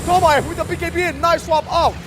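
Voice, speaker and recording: A man calling a live esports match like an arena game announcer, excited and shouting as he draws out the big calls. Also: very high-pitched, quick pace, crowd noise, background noise. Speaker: esports play-by-play caster.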